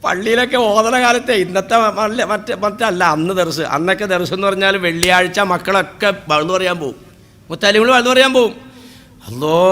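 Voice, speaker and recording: A man. His voice sits unusually high and rings bright and sharp. He slips into dramatic wailing impressions and slow chanted verses. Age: 50s. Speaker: Islamic preacher. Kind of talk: humorous sermon.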